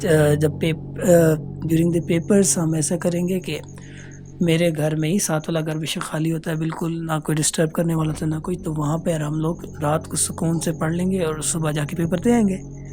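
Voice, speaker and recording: A man telling a true ghost story as a casual voice note, earnest and hesitant, pausing often. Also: a little high, flat delivery, over music. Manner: earnest, unhurried, hesitant with many pauses. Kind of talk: casual spoken recounting of a true horror experience. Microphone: phone voice note.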